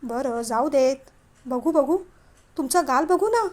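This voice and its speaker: An inquisitive, chatty young wife from an audio storybook, as a woman narrator voices her, eager and full of questions in a high, bright register. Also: expressive, slow pace. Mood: curious.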